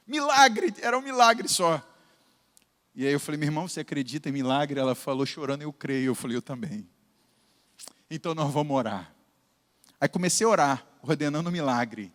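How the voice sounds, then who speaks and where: High-voiced Brazilian preacher in a hall. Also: male voice. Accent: Brazilian Portuguese. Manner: animated, acts out dialogue in his stories. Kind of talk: sermon with storytelling. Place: church hall. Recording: long hall reverb.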